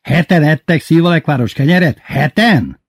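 A man's voice: medium pitch, sing-song, dry recording, studio quality, pitched above the performer's own voice. A man voicing a nervous, strict male class teacher who barks commands and questions. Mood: strict, angry. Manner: barked commands, swings between soft and shouting.

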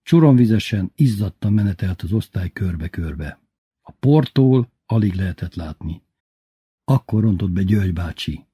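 Casting: male storyteller, animated melody, husky, dry close sound. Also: low voice, no echo. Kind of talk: first-person story reading.

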